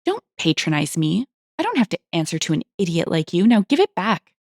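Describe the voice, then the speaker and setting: A woman's voice: on the low side, big pitch swings, a little fast, a little mellow, no echo, clean studio sound. A woman voicing an angry, entitled woman who shrilly accuses a stranger of theft in a storybook tale. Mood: accusing, shrill.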